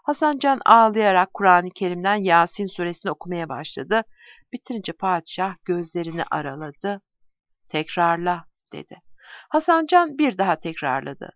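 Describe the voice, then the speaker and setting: A woman reading a historical story aloud in an expressive, dramatic way. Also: fairly low pitch, no echo, muffled recording.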